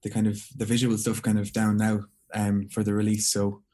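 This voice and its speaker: Low-voiced young west of Ireland man. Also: monotone, fairly quick, warm tone. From Galway, west of Ireland. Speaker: singer-songwriter, interview guest. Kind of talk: casual interview chat.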